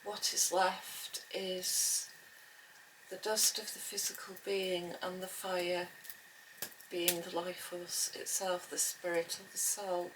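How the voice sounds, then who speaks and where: A woman giving a slow, reflective spoken lesson on folklore and witchcraft, pausing often with "um". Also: on the low side, level tone, noisy background. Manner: slow and reflective, with frequent "um" pauses. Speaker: witchcraft teacher. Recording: voice from a distance with music behind.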